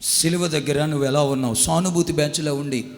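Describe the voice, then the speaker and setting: A man preaching a sermon with an emphatic, rising delivery and a higher-than-usual voice. He prompts the congregation to answer back. His voice rings through a church hall with a long reverb. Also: fairly even intonation, fairly quick. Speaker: pastor.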